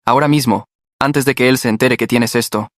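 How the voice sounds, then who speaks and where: Un hombre que da voz a una joven asustada y llorosa que suplica, con acento mexicano. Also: male voice, mid-range voice, steady tone, fairly quick, no echo, studio quality, natural voice. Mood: frightened pleading. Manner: pleading, tearful. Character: frightened young woman, the narrator's girlfriend.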